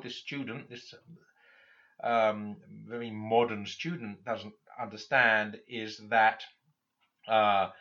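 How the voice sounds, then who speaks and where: A man giving a literature lecture, halting often with fillers and restarts. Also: medium pitch, bright, forceful tone, dull audio.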